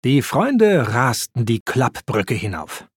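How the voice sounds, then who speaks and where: A man narrating a children's storybook with expressive, slow reading. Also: mid-range voice, slightly rough, no room sound, studio quality.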